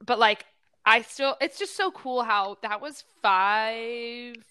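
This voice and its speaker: A young woman co-hosting a podcast in casual chat, reacting quickly and laughing often. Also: a little high, bright, forceful tone, smooth. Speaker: podcast co-host.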